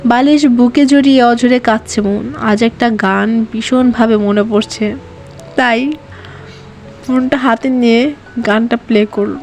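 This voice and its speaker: A woman narrating a romantic novel slowly and with emotion as a storyteller. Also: fairly high pitch, fairly even intonation, darkish tone, faint music behind. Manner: slow, emotional reading.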